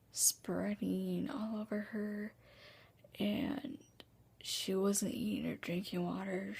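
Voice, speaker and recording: Teary woman doing a casual vlog diary, really slow, subdued, lots of fry in her voice. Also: mid-range voice. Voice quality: hushed, breathy, creaky. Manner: halting, subdued. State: tearful, crying. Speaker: vlogger. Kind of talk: personal video diary, casual chat.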